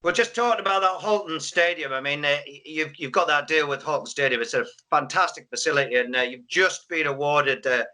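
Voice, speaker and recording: A man's voice: fairly high pitch, fairly quick, hardly any pauses, pushed and bright. A man interviewing coaches on a sports live stream, chatty and prone to restarting his questions. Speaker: interviewer at a football final.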